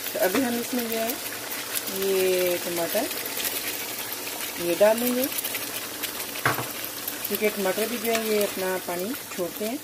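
A home cooking channel host narrates a casual tutorial at her kitchen stove, talking slowly and unhurriedly through each step with fillers in a mid-range voice. Loud sizzling and frying from the pan sit behind her voice.

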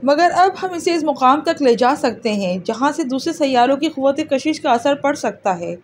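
A woman voicing a calm, superior alien girl from another planet in an audiobook, explaining things patiently. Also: sits high, a little hiss or hum. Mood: lecturing. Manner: patient, lecturing, matter-of-fact. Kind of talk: audiobook character reading.

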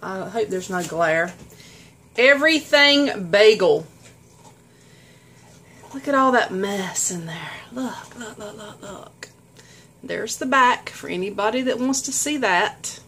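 A woman's voice: mid-range voice, lively intonation, slow, pauses often, sharp tone, slight background noise. A woman, chatting casually to the camera, laughing often. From southern United States. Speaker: vlogger. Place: in a car, then at home indoors. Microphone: phone camera at arm's length.

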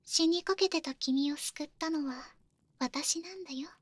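A young woman voicing a possessive, coddling female wizard in ASMR role-play, coaxing with soft menace. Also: high voice, unhurried, no room sound. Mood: softly menacing. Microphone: close, dry studio microphone.

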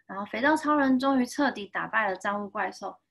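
A woman in her thirties with a Taiwanese Mandarin accent, reading a picture book aloud to a child with lively sound effects and voices. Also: mid-range voice, brisk, creaky, over a noisy crowd. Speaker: storyteller reading picture books live.

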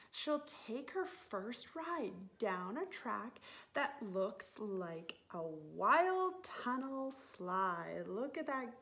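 A teacher reads a picture book aloud to young pupils while sitting on a sofa in a living room. Her voice is higher and animated, and she reads slowly, full of gasps and drawn-out words in an expressive story-time style.

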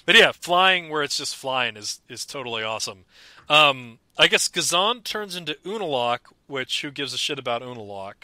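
A young man co-hosting a podcast, chatting excitedly about a cartoon and breaking into mock voices. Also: mid-range voice, moderate pace, no echo. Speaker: podcast co-host. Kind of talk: casual chat about a cartoon.

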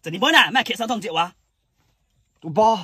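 A man with a Teochew accent playing an excitable, teasing husband in a comic couple sketch. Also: high-pitched, brisk, breathy edge, dry recording. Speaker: husband in a comedy skit.

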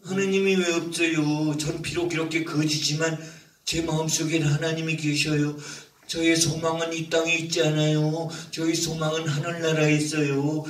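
A man's voice: on the high side, level tone, moderate pace, roomy sound, far from the mic, natural voice. A man voicing a poor, sick, pleading beggar in a church puppet show. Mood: earnest. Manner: pleading, earnest.

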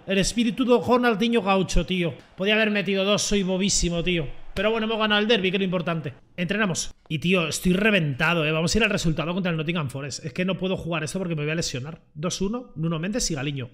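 A young man giving excitable, joking commentary over his own football video game match. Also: high-pitched, fast, hardly any pauses. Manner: excitable, joking, shouts at plays. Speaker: gaming streamer. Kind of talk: live gameplay commentary.

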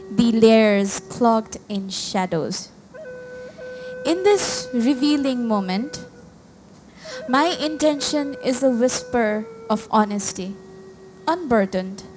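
A young woman with a Nepali accent reading her poem slowly and carefully at an open mic. She reads from her phone into a stand mic on a small cafe stage and sometimes restarts a word. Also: fairly high pitch, rough recording. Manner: slow, measured recitation read from a phone, with restarts. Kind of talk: poetry reading. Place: small cafe stage in front of a brick wall.

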